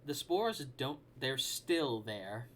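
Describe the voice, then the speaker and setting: A man narrating as game master for a tabletop role-playing game, relaxed and hesitant, often restarting his sentences. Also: mid-range voice, slow pace, heavy background noise.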